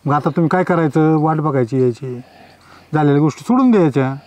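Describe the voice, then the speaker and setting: An actor playing a calm village elder who gives advice and consoles. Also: male voice, a little high, fast talker, no echo, natural voice. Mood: advising. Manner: advising, consoling.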